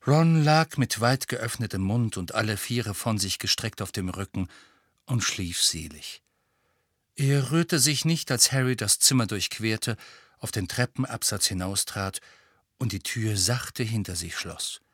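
A man's voice: on the low side, expressive, measured pace, a bit bright, slightly rough, no echo. Male audiobook narrator, dry sound. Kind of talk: audiobook reading.

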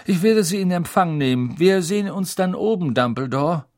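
A man voicing a fussy middle-aged male minister who talks in an agitated, hurried and patronizing way. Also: sits high, expressive, darkish tone, pitched above the performer's own voice.

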